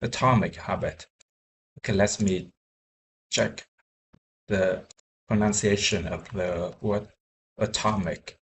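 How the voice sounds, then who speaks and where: A young man, a software engineer learning English, talking casually in a vlog, halting with many fillers and restarts. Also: on the low side, steady tone, a little hiss or hum, poor audio.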